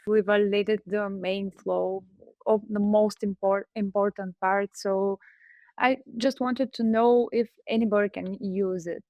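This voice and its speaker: A woman's voice: medium pitch, steady tone, unhurried, dry recording, highs cut off. A woman from Bulgaria who co-founded a startup, presenting in a webinar in a hesitant way with frequent fillers.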